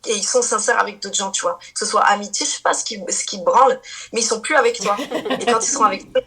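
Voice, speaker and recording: Guest: a woman in her thirties, casual, chatty, quick to laugh. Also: medium pitch, crowd noise. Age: 30s. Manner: chatty, many fillers and restarts, laughs easily. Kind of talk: casual chat.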